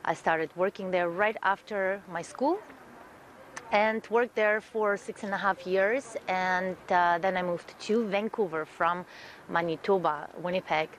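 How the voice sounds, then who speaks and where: Woman, earnest and low-voiced. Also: measured pace, a little hiss or hum. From Russia. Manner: earnest, frequent fillers and repeated words. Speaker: guest, event producer. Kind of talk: guest interview, self-introduction.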